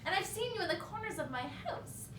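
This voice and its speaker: A wistful young woman in love recites poetry in a high, lilting voice, played by an actress on stage. Her lines swoop widely in pitch. The recording is echoey and distant, with clear room noise. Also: big pitch swings, brisk. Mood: passionate. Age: young adult. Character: young woman lover, lyrical and longing. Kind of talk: stage play acting. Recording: echoey noisy stage from far off.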